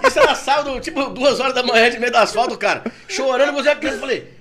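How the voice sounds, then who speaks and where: A man with a Brazilian Portuguese accent telling his story in a casual, animated chat, often laughing as he talks. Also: quick pace, a crowd in the background. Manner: animated, laughing, gets louder and higher when excited.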